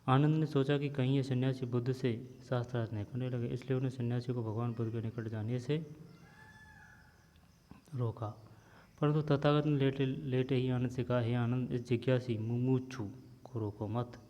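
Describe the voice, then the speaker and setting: A man reading a textbook story aloud as a teacher, pausing now and then to explain words. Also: medium pitch, level tone, warm tone. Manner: reads steadily, pauses to explain words. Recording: dull lo-fi sound with long reverb.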